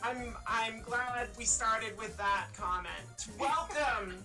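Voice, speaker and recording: Hosting and casting a live esports stream, this Canadian woman speaks slowly in a fairly high voice, full of jokes and boasting. She's picked up by a distant mic, and faint music plays behind her.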